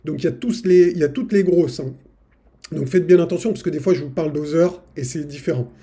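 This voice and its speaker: Man, casual crypto chart talk, excitable and chummy, fairly high voice, soft warm tone. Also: brisk. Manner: hype-driven, chummy, addresses viewers as friends. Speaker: crypto trading youtuber. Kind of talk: casual chart analysis to viewers.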